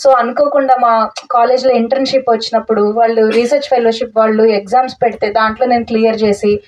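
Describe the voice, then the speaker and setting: A woman's voice: fairly high pitch, steady tone, fast, darkish tone. A young woman telling her own story at a meditation talk, earnest and full of restarts, mixing in English words. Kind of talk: personal testimony talk. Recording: dull audio from a distance.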